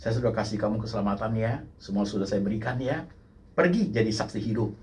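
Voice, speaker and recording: A man voicing God speaking softly and slowly to believers, promising to stay with them. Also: fairly low pitch, slight background noise, close to an everyday voice. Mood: stern.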